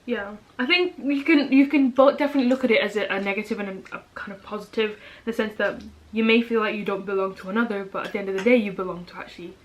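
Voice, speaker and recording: Eating as she talks, a young vlogger who is an older sister rambles casually, filling her speech with "um," "like," and "kind of." She speaks quickly in a mid-range voice with fairly even intonation and hardly pauses.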